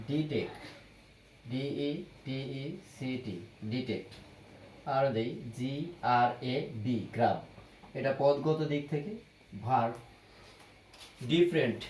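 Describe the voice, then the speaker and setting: A man teaching vocabulary at a very unhurried pace, spelling out words letter by letter and saying each one again and again. His voice sits in a middle register. The room rings with echo, and a faint hiss of background noise runs underneath. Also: medium pitch, darkish tone. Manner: slow, patient, repeats each word several times.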